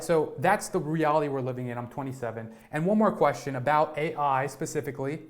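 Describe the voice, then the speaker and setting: A man in his twenties giving an energetic live-streamed tech lesson, often repeating words and checking in with "right?" and "okay?". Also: a little high. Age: 20s.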